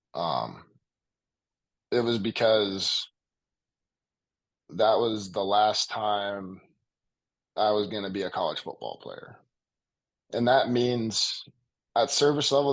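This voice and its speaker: A young man who just finished playing college football speaks slowly and earnestly in an interview, holding back emotion and repeating phrases for emphasis. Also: lowish voice, poor audio. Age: young adult. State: emotional, close to tears. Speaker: college football player guest. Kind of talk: reflective interview conversation.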